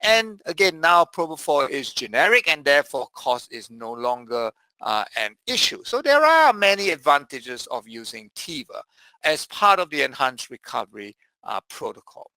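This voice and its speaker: Bright-voiced man giving a medical lecture. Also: fairly high pitch, very animated, creaky, dry recording, poor audio. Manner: measured, with frequent "uh" fillers. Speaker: anesthesiologist lecturer. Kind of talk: medical presentation.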